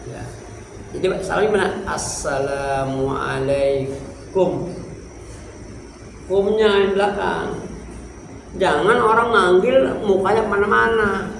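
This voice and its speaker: A man's voice: high voice, vocal fry, a bit bright. A male religious teacher teaching a study lesson in a neighborhood prayer hall, explaining a text line by line and talking to the congregation. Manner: explains a text line by line, acts out examples, talks to the congregation as "Pak". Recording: echoey room with faint background hiss.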